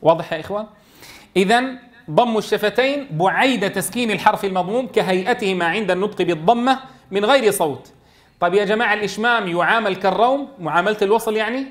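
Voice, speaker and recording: A man leads a classroom lesson on Quran recitation. His voice sits high for a man. He keeps questioning his students and demonstrates each word in slow, stretched recitation. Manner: quizzes students and models slow drawn-out recitation.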